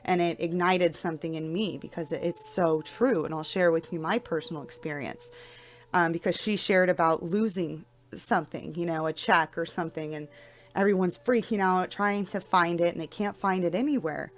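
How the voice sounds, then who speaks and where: A young adult woman talking casually about spirituality in a soft-spoken way, often repeating words and restarting her sentences. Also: on the low side, normal speed. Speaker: spiritual vlogger. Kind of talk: casual spiritual talk to camera.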